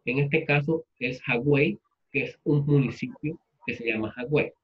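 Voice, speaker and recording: This recording is muffled, and the man's pitch sits in the middle as he talks at a normal speed. Originally from Puerto Rico and carrying that accent, he gives an informal literature lecture, explaining ideas casually with rhetorical check-ins and stories from his own life.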